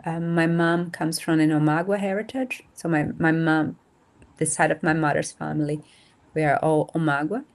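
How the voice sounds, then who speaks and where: Speaking with a deep voice and fairly even intonation, this nonprofit founder is a woman in her 30s from Brazil's north and northeast whose first language is Portuguese. She's a guest in a casual interview over a remote video call, reflective and frequently stopping with fillers to find the right words.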